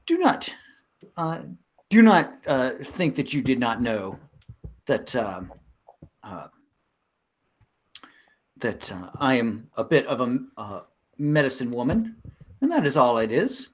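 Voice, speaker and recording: A man voicing a shrewd older village medicine woman in a tabletop game, talking haltingly with many pauses and a lecturing tone. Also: mid-range voice, sing-song. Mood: knowing. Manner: halting, full of ums, lecturing.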